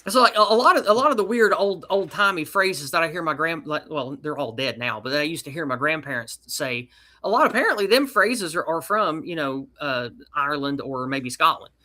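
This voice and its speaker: Man, East Tennessee twang, bright forceful tone, folksy rambling podcast guest. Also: on the high side, animated, a little fast. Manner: folksy, rambling, with colloquial slang. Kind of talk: casual podcast chat.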